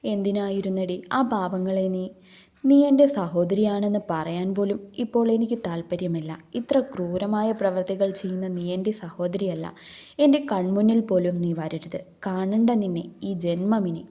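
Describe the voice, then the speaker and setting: A woman's voice: medium pitch, moderate pace, mellow, natural voice. A woman voicing an older father who is stern, wounded and reproachful. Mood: bitter. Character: older father, wounded and bitter toward his sister.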